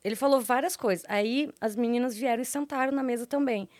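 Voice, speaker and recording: A woman's voice: fairly high pitch, brisk, darkish tone, no room sound. A woman with a Brazilian Portuguese accent, a guest in a casual interview, telling stories in a chatty way with many fillers and frequent laughs.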